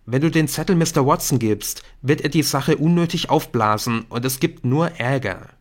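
A man's voice: mid-range voice, normal speed, pitched above the performer's own voice, lightly acted. A man reading an audiobook, voicing a defensive teenage schoolboy who brushes off his friend's worries. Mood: dismissive. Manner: dismissive, brushing things off. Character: defensive teenage schoolboy hooked on a secret game. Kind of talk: audiobook character voice.

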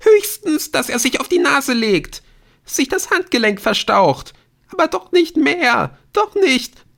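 A man reading an audiobook, voicing a frightened teenage girl who pleads in a high, shaky voice. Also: takes it slowly, creaky, fairly bright tone, heavily acted. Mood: panicked.

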